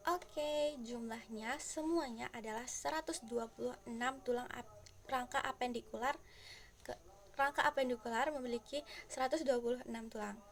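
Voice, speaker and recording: High-voiced woman teaching a lesson. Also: moderate pace. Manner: patient, explains step by step and addresses the viewers directly. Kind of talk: classroom-style lesson.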